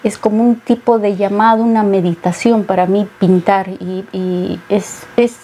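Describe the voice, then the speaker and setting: A middle-aged woman from Peru talks slowly about her painting as an interview guest. Her voice is mellow and warm, and she pauses often with thoughtful fillers. She sounds close on a lapel mic in a studio set. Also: medium pitch, fairly even intonation, a little hiss or hum. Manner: thoughtful, many hesitations. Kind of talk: interview conversation.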